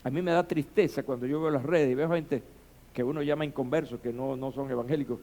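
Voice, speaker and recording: A man preaching a sermon as pastor, building to shouted emphasis and rhetorical questions. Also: mid-range voice, steady tone, a little fast.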